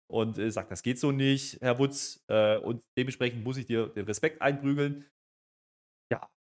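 A man's voice: medium pitch, normal speed. Chatty man recapping wrestling. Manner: chatty recapper, acts out quotes. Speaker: wrestling podcast co-host. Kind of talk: casual review chat.

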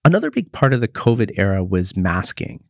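A man's voice: low-pitched, sing-song, fairly quick, vocal fry, dry recording, studio quality. A man hosting a news podcast, asking a guest short, plain questions about the week's headlines. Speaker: podcast host.

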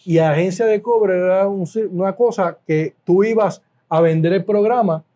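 A middle-aged man with a Puerto Rican accent, a food business owner telling stories as an interview guest, animated and repeating words for emphasis. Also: sits high, normal speed. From Puerto Rico. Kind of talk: casual interview storytelling.

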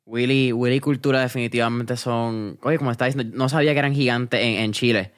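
A man hosts an interview podcast with an entrepreneur, chatting casually in Spanish and slipping English words in. His voice sits at medium pitch and he talks quickly, in a relaxed way.

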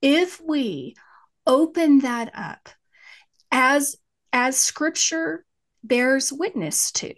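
A woman with a West Texas twang, speaking as an interview guest in a thoughtful, halting way as she searches for words. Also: high-pitched, expressive. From West Texas, United States. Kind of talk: reflective interview conversation about faith.

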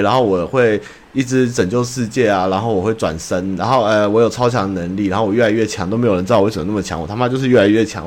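Rambling young man. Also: fairly low pitch. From Taiwan. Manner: rambling, blunt, swears, mocking voices. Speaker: podcast host. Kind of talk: casual chat about anime.

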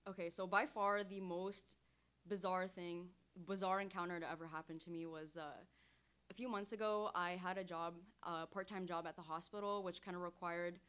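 A woman's voice: on the low side, normal speed, clear, resonant tone. A young woman from Syria, a podcast guest, telling stories animatedly and acting out what others said. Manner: animated storytelling, quoting others. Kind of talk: casual podcast chat. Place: studio.

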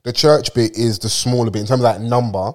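A man's voice: mid-range voice, fairly even intonation, a little fast, darkish tone. Slangy man in casual banter. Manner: slangy, jokey, conversational. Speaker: talk show co-host.

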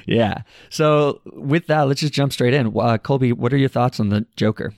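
A man's voice: mid-range voice, moderate pace, no echo. Man hosting a film podcast, dry close sound. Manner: relaxed storytelling, conversational. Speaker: podcast co-host. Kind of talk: casual film review podcast.

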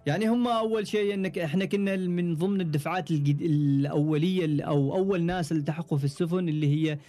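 A young man with an Omani Arabic accent, telling stories as a podcast guest in a relaxed, casual interview. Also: fairly high pitch, quick pace. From Oman. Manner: relaxed storytelling, frequent trailing restarts. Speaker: podcast guest, ship engineer.

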